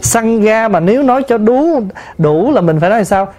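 A man, a Buddhist monk, giving a sermon to an assembly and explaining pronunciation slowly with many repetitions. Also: high voice, animated, darkish tone. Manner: slow, explanatory, addresses the assembly, repeats terms to teach pronunciation. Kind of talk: sermon answering a listener's question.

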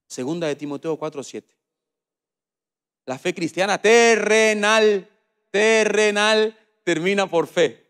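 A male pastor with a Paraguayan Spanish accent preaching a sermon, swinging between quiet, low passages and loud, repeated calls to his listeners.

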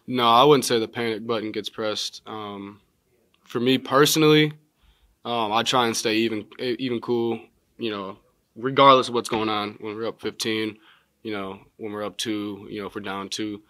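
A young man in his twenties, a college basketball player answering postgame press questions in a measured way with many filler words, seated at a table mic in a press room. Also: on the low side, sharp tone, dry recording. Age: 20s. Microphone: table mic in front.

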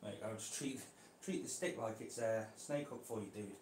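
A man keeping reptiles, chatting casually to viewers while gently coaxing and handling a snake indoors. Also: lowish voice, moderate pace, echoey room, a little hiss or hum. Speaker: reptile keeper vlogger. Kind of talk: casual vlog. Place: indoor room.

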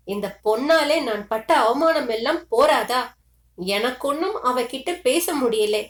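A woman's voice: high-pitched, roomy sound. A woman voicing a grieving middle-aged mother who pleads and complains through tears. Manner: tearful, pleading, bitter complaints.

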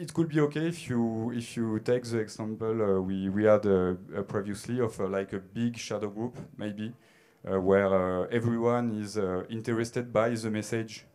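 Speaking into a handheld mic on a theater stage, a French-accented conference speaker in his thirties fields questions hesitantly, full of filler sounds. His voice is lowish with a darkish tone.

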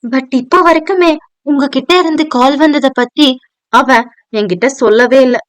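A polite and anxious young working woman from an audio novel, voiced by the woman narrator. She sounds hesitant and respectful, in a bright, high voice a little above the narration. The sound is close and dry. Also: moderate pace, dry recording, lightly acted. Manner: hesitant, respectful, addressing a superior. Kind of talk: audio novel dialogue reading.

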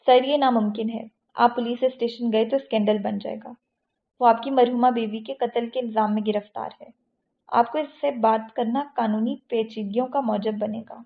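A woman's voice: a little high, steady tone, creaky. A woman voicing a worried male legal advisor who speaks in an anxious, pleading way. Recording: tinny phone-like audio.

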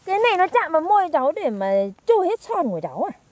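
A woman's voice: extremely high pitch, huge pitch swings, very fast, a little mellow, no room sound. A young woman, teasing and chatty as a granddaughter in a comedy skit.

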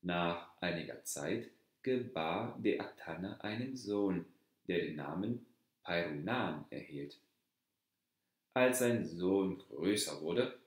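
A man reads a fairy tale slowly in a deep, low voice, calm and measured like storybook narration. He takes his time, and the room rings with echo.

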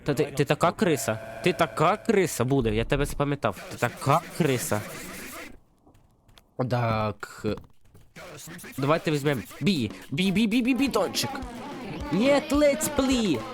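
A man giving excited gameplay commentary, breaking into panicky yelps and repeated outbursts. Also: medium pitch, normal speed, pauses often, a crowd in the background. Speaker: let's play gamer. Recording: game music loud under voice. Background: game music.

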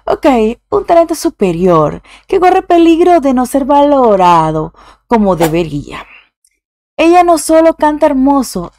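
An effusive woman with a slightly high voice hosts a casual reaction video and reads viewers' comments aloud. She now and then slips English exclamations into her talk. The sound is dry and close. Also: darkish tone, no echo. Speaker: YouTube reaction host.

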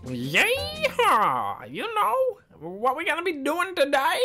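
A hammy, excitable cowboy, as a man puts him on in a squeaky voice that swoops wildly up and down. He drawls his words out slowly and playfully. Faint music plays underneath. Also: full character voice. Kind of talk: playful put-on voice in a video intro.

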